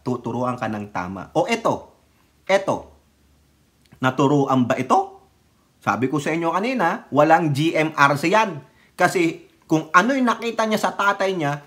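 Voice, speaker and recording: A middle-aged political commentator from the Philippines, speaking with fiery conviction and a steady stream of rhetorical questions. Between the jabs, the voice drops into a quieter, lower register for personal stories.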